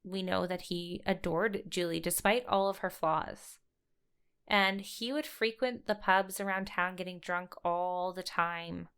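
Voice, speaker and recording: A woman's voice: on the low side, fairly even intonation, a little slow, fairly bright tone, clear, resonant tone. A woman co-hosting a true-crime podcast, telling the case in a chatty, storytelling way and swearing casually. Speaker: podcast co-host.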